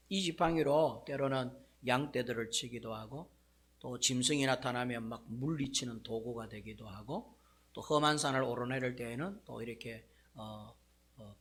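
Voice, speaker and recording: Gravelly husky male pastor preaching. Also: mid-range voice. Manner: lively storytelling with frequent asides. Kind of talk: sermon.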